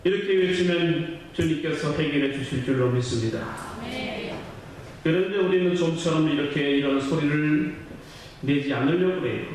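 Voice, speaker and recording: A male pastor preaching a sermon with impassioned fervor, his voice swelling into near-chanted shouts. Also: a little high, moderate pace, slight background noise. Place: church sanctuary. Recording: very echoey church hall, mic far off.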